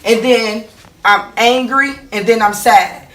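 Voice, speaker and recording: A woman speaks slowly in a fairly high, slightly bright voice, captured by a distant mic in an echoey room. She walks through her monthly cycle casually, asking and answering her own rhetorical questions and tossing in "okay?" and "right?" to check in.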